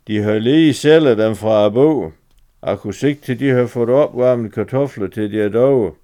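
A man's voice: mid-range voice, warm tone, smooth, close to an everyday voice. A man voicing a fumbling, muddled older male farmer who searches for words as he reads a dialect story aloud.

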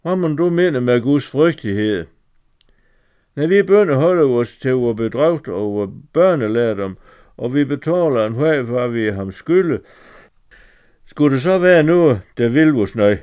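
A sharp-tongued farm wife who scolds and teases her neighbours. The voice stays clear and smooth, in an everyday register, read by a man telling the story. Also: medium pitch, expressive, lightly acted. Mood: scolding. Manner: scolding, teasing.

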